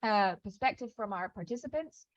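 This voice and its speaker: Fast-talking woman on a video call. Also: medium pitch, animated, no room sound, dull audio. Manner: fast-talking with many fillers and restarts. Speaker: program staff presenting onboarding. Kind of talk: online onboarding call walkthrough.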